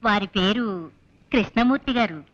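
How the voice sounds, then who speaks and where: A patient older housewife. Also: female voice, medium pitch, measured pace, no echo, dull audio. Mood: calm. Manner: calm, soothing, explanatory. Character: patient older housewife smoothing things over. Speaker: householder's wife.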